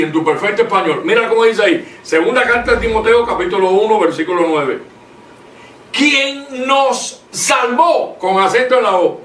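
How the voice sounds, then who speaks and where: High-pitched male preacher, emphatic, reads verses slowly; distant mic in a roomy space. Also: a bit bright. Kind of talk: preaching in conversation. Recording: echoey room, mic at a distance, faint noise.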